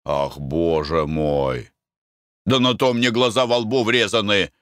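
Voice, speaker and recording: A man's voice: mid-range voice, steady tone, moderate pace, fairly bright tone, dry recording, clean studio sound, close to an everyday voice. A man voicing a henpecked middle-aged husband who coaxes his wife. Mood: coaxing. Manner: coaxing, wheedling.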